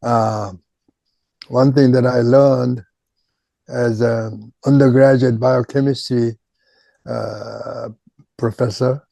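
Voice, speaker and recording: In an oral history interview, a retired chemistry professor recalls his career: an older man from Japan who speaks Korean natively and has a Korean accent. His steady, medium-pitched voice is gravelly and dark, and he halts often, pausing and repeating words. The recording is dry.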